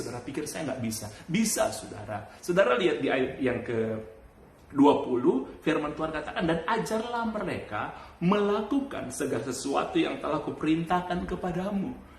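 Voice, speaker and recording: A male pastor preaching a sermon and telling a story, with lively jumps up in pitch and laughter in his voice. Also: echoey room, slight background noise. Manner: animated storytelling with sudden high bursts and laughs. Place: church.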